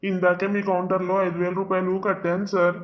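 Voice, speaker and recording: A man's voice: sits high, monotone, fast talker, lo-fi sound, natural voice. An actor voicing a poor young village husband pleading and arguing for his sick wife in a cartoon drama. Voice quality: pleading, emotional.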